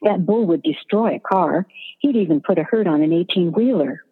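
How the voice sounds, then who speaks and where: A woman voicing a steady young male veterinary student raised on a farm, terse and calming, over a tinny line with long reverb. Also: lowish voice, normal speed, breathy edge. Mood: tense.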